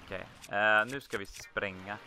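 A man casually commenting on his own gameplay, chatty and excitable, talking to himself as he plays. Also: lowish voice. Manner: chatty, excitable, talks to himself while playing. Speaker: let's play host. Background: video game music.

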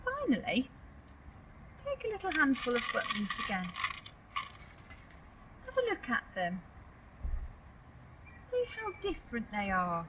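A woman leading a children's holiday club prayer, speaking slowly and encouragingly to young listeners. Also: high voice, wildly swooping pitch. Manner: slow, clear and encouraging. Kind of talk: gentle guided prayer for children. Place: outdoors in a garden by a tent. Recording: distant mic with outdoor noise.

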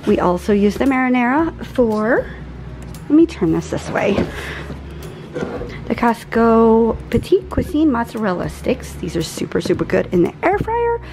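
A woman's voice: a little high, big pitch swings, measured pace, noisy background. A woman in her forties chatting casually at home as she goes through her grocery haul item by item. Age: 40s. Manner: chatty, friendly product rundown. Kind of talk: casual chat.

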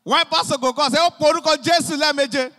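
A young man with a Nigerian accent doing animated stand-up comedy in Pidgin, acting out his characters, on a handheld mic on a concert stage. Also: very high-pitched, fast. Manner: animated storytelling, acting out police and pastors. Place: large concert stage with live audience. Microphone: handheld microphone. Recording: long reverb of a large hall.

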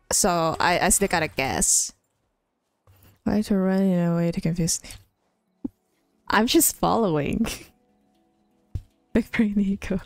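A young woman with a mid-range, clean-toned voice talks casually as she streams a game, her first language being Chinese. Fillers and restarts are frequent, and faint music plays underneath.

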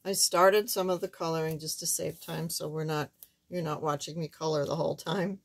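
Thin, squeaky-voiced older woman, low-pitched. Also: steady tone, moderate pace, vocal fry. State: hoarse while recovering from surgery. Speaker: craft tutorial host. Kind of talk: casual card-making demonstration. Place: indoors at a wooden craft table, camera overhead.

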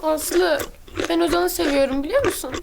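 A woman's voice: very high voice, normal speed, vocal fry, background noise, exaggerated voice. A female performer playing a crafty, wicked young daughter in a TV drama, sweet-talking and calculating. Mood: plaintive, scheming.

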